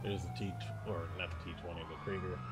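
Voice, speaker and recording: A young man giving nervous, excitable commentary while playing a game, yelling when chased. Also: sits low, fast talker, gravelly, very noisy. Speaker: gaming YouTuber.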